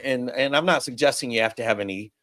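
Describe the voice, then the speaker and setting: A man hosting a sports podcast, talking in an animated, rambling way and swearing freely. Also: medium pitch, fast, no room sound, clean studio sound. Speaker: podcast host. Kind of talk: casual sports chat.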